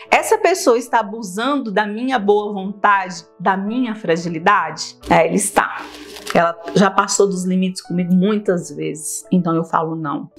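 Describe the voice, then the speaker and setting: A middle-aged woman, a therapist, gives advice to viewers on a live stream and acts out short dialogues. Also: fairly high pitch. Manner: warm coaching tone, talks straight to viewers, acts out little dialogues.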